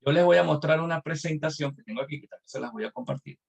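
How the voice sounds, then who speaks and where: A man's voice: fairly high pitch, fast, gravelly, breathy edge. A male instructor teaching a live online class, explaining patiently step by step with examples.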